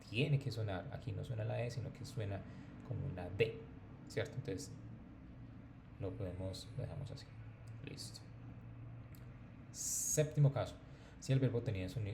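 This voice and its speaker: A man teaching a pronunciation lesson, explaining patiently and repeating each example word slowly and clearly. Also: on the low side, warm tone, slight background noise. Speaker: English teacher.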